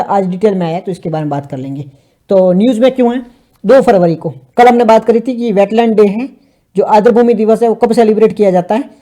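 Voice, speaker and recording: Mellow-voiced man teaching current affairs. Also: sits high. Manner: chatty, asks and answers his own questions; mixes English terms into Hindi. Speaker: exam prep teacher.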